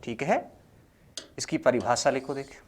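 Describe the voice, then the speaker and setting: A man teaching a grammar lesson, slowly dictating notes and repeating each phrase for students to copy, then explaining more loudly. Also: medium pitch, animated, a little hiss or hum. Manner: swings between loud explaining and quiet dictating.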